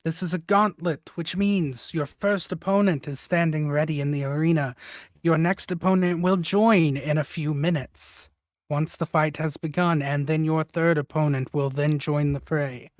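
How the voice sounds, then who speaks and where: A man's voice: a little high, steady tone, moderate pace, no room sound, clean studio sound, lightly acted. A man voicing a stern, motherly female arena announcer in a formal manner for a tabletop game.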